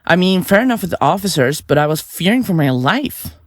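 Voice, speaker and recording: A suspect under interrogation, this chirpy, remorseless podcaster kills for her show, and the actress plays her with blithe, flippant, theatrical chattiness and feigned innocence. Her delivery swoops up and down, very animated and self-regarding. The voice is on the low side and fairly quick, in a dry audio-drama recording with no echo.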